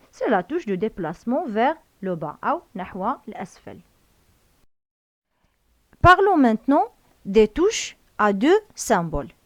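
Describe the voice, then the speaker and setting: A woman with a Moroccan Arabic accent teaching computer basics. She reads French lines slowly and deliberately, then explains them in quicker, chatty speech. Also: mid-range voice, dry recording. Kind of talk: screen-share tutorial, reading French lines then explaining.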